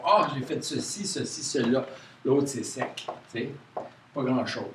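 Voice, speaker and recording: A man with a Quebec French accent leads an informal workshop, talking to a small group in a halting way full of hesitations and restarts. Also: medium pitch, darkish tone. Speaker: workshop leader. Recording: roomy, distant mic with faint noise.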